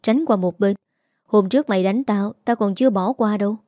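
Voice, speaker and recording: A woman's voice: mid-range voice, a little fast, mellow, dry recording, close to an everyday voice. Woman playing arrogant rich older man, Southern Vietnamese accent, rude, commanding, dry sound. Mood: bossy.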